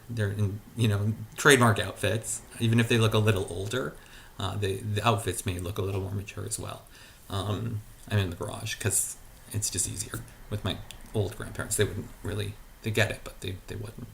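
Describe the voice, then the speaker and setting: A man's voice: on the low side, gravelly, slight background noise. A man talking casually in his garage, rambling and hesitant, with many fillers and restarts. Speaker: vlogger. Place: garage at home.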